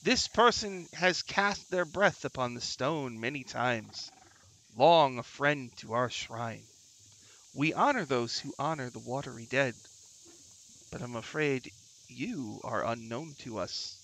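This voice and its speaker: Solemn swamp shrine keeper, played by a male game master: gravelly, bright-edged, formal, guarded and reverent. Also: mid-range voice, lively intonation, takes it slowly, heavily acted, poor audio.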